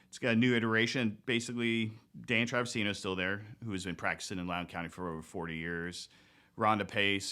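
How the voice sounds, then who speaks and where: A man in his thirties, an attorney being interviewed, talking in a relaxed, halting way with lots of fillers and restarts. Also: lowish voice, smooth. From born in Greece, grew up in the United States. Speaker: guest, attorney. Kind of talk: casual interview.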